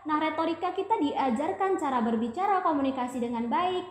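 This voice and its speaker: A woman's voice: high-pitched, animated, brisk. A young woman from Aceh, a student guest chatting casually on a podcast, explaining with lots of fillers. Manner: chatty, explains with many fillers, addresses listeners as guys. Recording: echoey room with faint noise.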